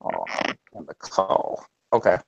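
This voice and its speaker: A man's voice: low voice, wildly swooping pitch, vocal fry, slightly rough, no room sound, muffled recording. A man talking sports on a phone set to speaker, his call audio breaking up as he chats casually. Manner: unhurried, digs up stats while talking. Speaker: sports podcast co-host.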